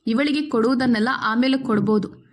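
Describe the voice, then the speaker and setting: Bossy, scheming mother-in-law in a storybook reading, harsh and cold, read by a high-voiced woman. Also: brisk, lightly acted. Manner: harsh, scolding.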